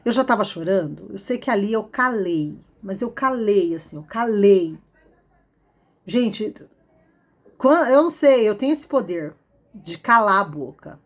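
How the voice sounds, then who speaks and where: A woman with a Brazilian accent telling a personal testimony in a casual, emotional way, repeating phrases for emphasis. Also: medium pitch.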